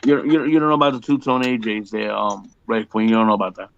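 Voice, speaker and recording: A gravelly, lowish voice comes quickly from a music performer in his fifties during a relaxed interview chat. He jokes and hammers points home by repeating them, with slight background noise on muffled lo-fi sound.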